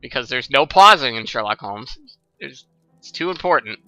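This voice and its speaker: A man's voice: mid-range voice, lively intonation, moderate pace, bright, forceful tone, no room sound, muffled recording, soft background music. A young adult man doing sarcastic, ranting, profane gaming commentary. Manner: ranting, sarcastic, laughs often. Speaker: let's play commentator.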